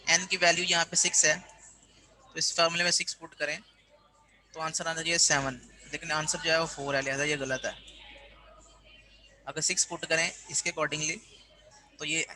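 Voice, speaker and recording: A man's voice: fairly high pitch, level tone, brisk, long pauses, sharp tone, rough recording. A man teaching a university class, explaining step by step and often checking in with his students. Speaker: university lecturer. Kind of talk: classroom lecture.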